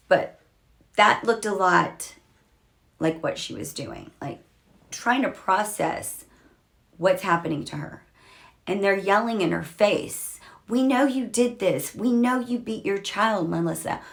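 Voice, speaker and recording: A woman hosting a true crime show, talking it through casually with many fillers and restarts. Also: medium pitch. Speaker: true crime podcast host.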